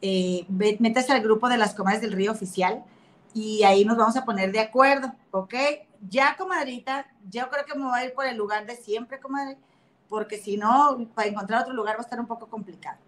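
Bubbly Mexican woman host, higher voice. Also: fairly quick. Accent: Mexican Spanish. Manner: chatty, calls her co-host comadre, reads viewer comments aloud. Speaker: podcast host. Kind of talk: casual gossip chat, reading comments.

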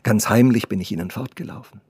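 A man reading the part of a shy young woman in love, speaking softly, almost in a whisper. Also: fairly low pitch, quick pace, husky, no room sound, clean studio sound. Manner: soft, hushed, near whispering.

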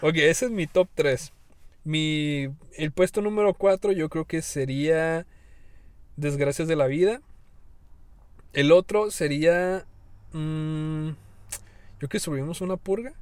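A man's voice: fairly high pitch, unhurried, long pauses, no room sound. A young man with a Mexican accent, co-hosting a casual podcast and talking loosely, joking and swearing freely. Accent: Mexican Spanish. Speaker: podcast co-host and editor. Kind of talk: casual chat.

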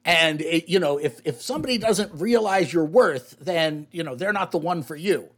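A man voicing a chatty male gnome who rambles with halting advice at a tabletop game. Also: on the high side, expressive, a bit bright. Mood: confiding.

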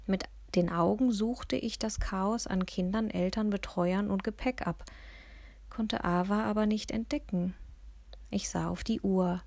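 Woman reading a kids story out loud, gravelly husky voice, dry sound. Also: mid-range voice, a little slow, dry recording. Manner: lively storyteller voicing the dialogue. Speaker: audiobook reader. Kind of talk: first-person story narration.

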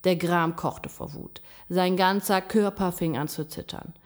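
Female narrator, slightly lower voice, measured expressive storybook reading. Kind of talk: reading a children's story aloud.

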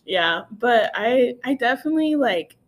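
A young woman co-hosting a relaxed podcast conversation. She talks openly and thoughtfully about feelings and laughs easily between her thoughts. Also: fairly high pitch, moderate pace, a little hiss or hum. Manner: open, laughing, self-reflective. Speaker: podcast co-host. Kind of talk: casual chat.

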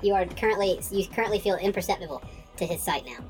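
A woman narrating a tabletop game as game master, easygoing and quick to laugh. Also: medium pitch, expressive, music in the background, low-quality recording.

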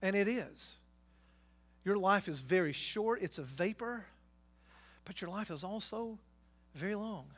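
A man preaching a sermon as pastor, emphatic and exhorting, building to loud exhortations and rhetorical questions. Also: high voice, lively intonation, unhurried, long pauses.

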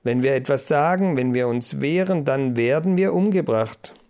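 A man's voice: mid-range voice, moderate pace, darkish tone, lightly acted. A man doing a grave, wise old-world mouse.

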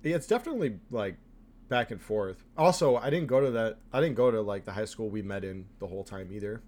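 A man's voice: fairly low pitch, expressive, a little fast, a little mellow. A man in his late twenties chatting casually as a podcast co-host, rambling and laughing often. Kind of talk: casual chat.

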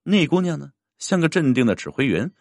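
A man narrating a dramatic story in an expressive, theatrical manner. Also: brisk, creaky, dry recording, clean studio sound. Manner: expressive, swinging pitch.

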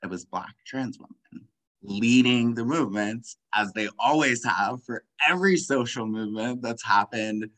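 An impassioned young man in casual conversation, dropping "like" after "like" and breaking into short laughs. His voice is bright and forward. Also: medium pitch, animated, moderate pace, rough recording. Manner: impassioned, many "like" fillers, frequent laughs. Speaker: guest.

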